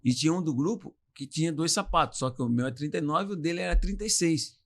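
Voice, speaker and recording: A man's voice: on the high side, fast. A man with an inland São Paulo accent, a podcast guest telling funny stories from his playing days in a casual chat and laughing as he goes. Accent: São Paulo interior. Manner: animated storyteller, laughs through anecdotes. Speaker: podcast guest, former footballer.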